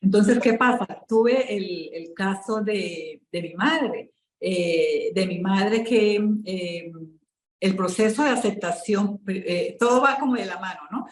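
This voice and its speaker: A Colombian woman, a spiritual coach, telling her story in an interview in an emotional, halting way, with many fillers and restarts. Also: mid-range voice, reverberant, slight background noise, low-quality recording.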